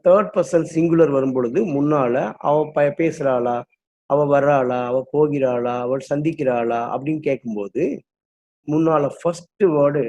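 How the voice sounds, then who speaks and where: A man's voice: a little high, darkish tone. A man teaching English grammar, explaining patiently and drilling sentence patterns one by one. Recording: dull lo-fi recording.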